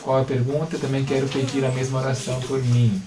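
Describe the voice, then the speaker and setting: A man's voice: mid-range voice, level tone, echoey room, far from the mic, noisy background. A male missionary host in casual religious chat, speaking with careful articulation and often adding "né?". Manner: explains with deliberate articulation, frequent "né?".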